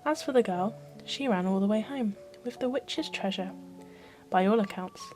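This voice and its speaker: A woman storyteller reading a fairy tale in ASMR style, with a soft, expressive bedtime delivery. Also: mid-range voice, moderate pace, faint music behind.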